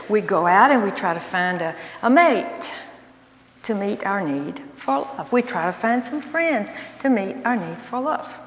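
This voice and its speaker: A woman in her sixties with a Southern American accent tells stories from her own life in a folksy, animated teaching style. Her voice sits a touch high. It rings through a large hall with a long, echoing tail. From Alabama. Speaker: Bible teacher. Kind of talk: storytelling talk. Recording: echoey hall with long reverb.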